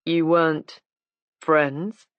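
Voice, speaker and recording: A woman's voice: deep voice, flat delivery, extremely slow, clean tone, dry recording, muffled recording. A woman reading a stern, ironic male inspector. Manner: cool, clipped, ironic. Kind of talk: audiobook character voice.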